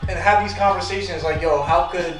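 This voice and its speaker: A man with a high voice talks fast and animatedly as a podcast guest, circling back to repeat his points. He sits away from the mic in an echoey room, with faint music behind him. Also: recorded from a distance. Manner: animated, rambling, repeats for emphasis. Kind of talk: casual podcast chat.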